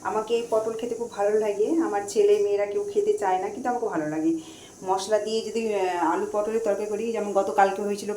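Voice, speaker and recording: A woman's voice: medium pitch, a little mellow. A middle-aged woman, chatting casually to her phone camera as she cooks at home. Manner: chatty, running commentary while cooking. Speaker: vlogger, mother cooking at home. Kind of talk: casual home cooking vlog. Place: home kitchen, indoors. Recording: echoey kitchen with faint frying noise.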